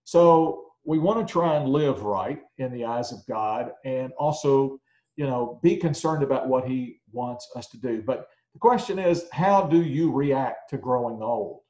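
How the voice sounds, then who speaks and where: A man's voice: medium pitch, unhurried, darkish tone. Man in his sixties preaching, echoey room. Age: 60s. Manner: conversational, with frequent uh fillers. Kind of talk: sermon. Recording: roomy echo.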